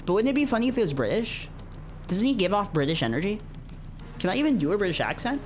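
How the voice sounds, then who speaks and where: This streamer, a man reading visual novels aloud, keeps up casual, joking, meandering commentary between dramatic passages, repeating himself for emphasis. He sits high in pitch, sing-song and fast, with a little hiss or hum in the audio.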